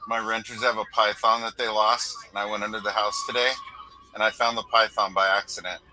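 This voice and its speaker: A man in casual game voice chat, telling a story in a deadpan way. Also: on the low side, a little fast, low-quality recording.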